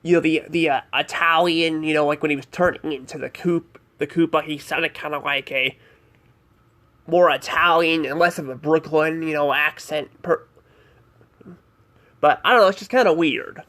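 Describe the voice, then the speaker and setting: A man's voice: on the high side, moderate pace, fairly bright tone. A man giving a casual spoken review of a cartoon episode, rambling and hesitant, filling gaps with "like" and "I don't know".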